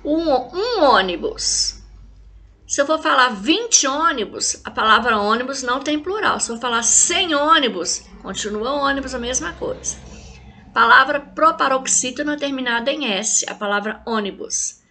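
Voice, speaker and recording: A woman from Brazil teaches a recorded lesson to young pupils, her voice pitched a little high and bright and forward. She keeps checking in with the children and stretches example words out slowly so they can follow. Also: lively intonation.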